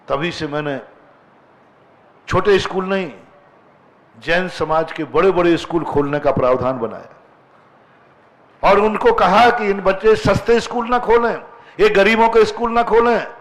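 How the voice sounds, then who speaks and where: Man, monk preacher, sermon, emphatic, rhetorical questions, fairly high voice. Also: rough recording. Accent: Hindi. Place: assembly hall with seated women.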